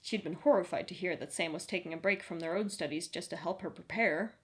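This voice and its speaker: A woman narrating a story in an even, audiobook-style read. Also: fairly low pitch, a little fast.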